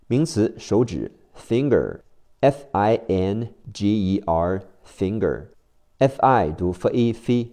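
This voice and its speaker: Male vocab teacher, deep voice, very slow and deliberate letter-by-letter drilling. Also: mellow. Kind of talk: phonics word drill lesson.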